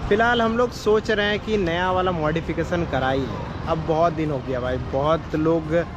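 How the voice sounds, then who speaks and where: The speaker is a young motovlogger talking casually at normal speed as he rides outdoors, his voice on the high side. He laughs a lot and drops English words into his chat. The helmet-mounted mic sounds muffled, with traffic and wind around him.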